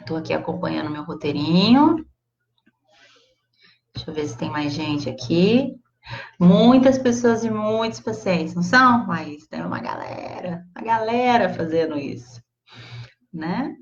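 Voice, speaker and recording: A Brazilian woman with a Brazilian Portuguese accent giving a casual, expressive live class, chatting directly to her audience. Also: fairly low pitch, unhurried, gravelly. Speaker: psychologist teaching a live class. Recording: slightly dull lo-fi livestream audio.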